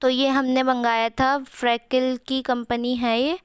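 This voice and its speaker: A woman's voice: high-pitched, level tone, unhurried, clear, resonant tone, dry recording. A young woman with a sore throat, chatting through a home cooking vlog voice-over in a rambling way with many fillers, recorded close to the mic. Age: young adult. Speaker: vlogger.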